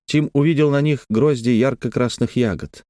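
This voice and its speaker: A man reading an adventure novel aloud as an audiobook narrator, steady and measured. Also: medium pitch, dry recording, studio quality. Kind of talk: scripted narration.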